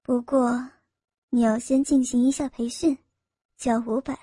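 A woman's voice: high-pitched, little pitch movement, measured pace, mellow, slightly rough, no echo, clean studio sound. A woman voicing a cold, sneering female sales manager of about forty, speaking in a mocking, scolding way.

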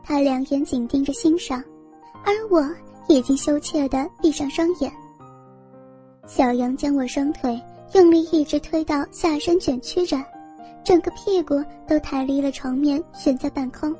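A woman narrating a first-person story in a steady, intimate reading voice. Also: sits high, normal speed, faint music behind.

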